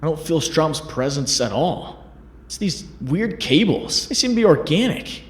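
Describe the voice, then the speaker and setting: A man playing a wisecracking, excitable young superhero in a comic dub, with a theatrical, joking delivery. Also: on the high side, unhurried, breathy edge, exaggerated voice. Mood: wry narration. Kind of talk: comic dub narration and dialogue.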